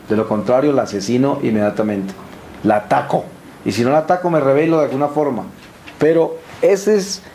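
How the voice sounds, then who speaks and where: A man's voice: medium pitch, mellow, slight background noise. A man preaching a sermon, emphatic and repetitive, asking the listeners questions and answering them himself. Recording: echoey room with faint ambience.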